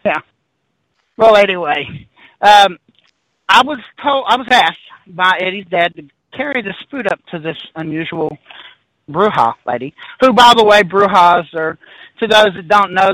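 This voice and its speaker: A man telling a personal ghost story in a casual chat, rambling and animated, backtracking and laughing as he goes. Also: sits high, no room sound, low-quality recording.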